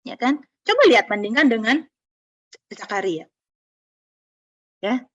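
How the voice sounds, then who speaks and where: A woman pastor giving an animated, conversational sermon full of rhetorical questions. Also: fairly high pitch, measured pace, no room sound, dull audio.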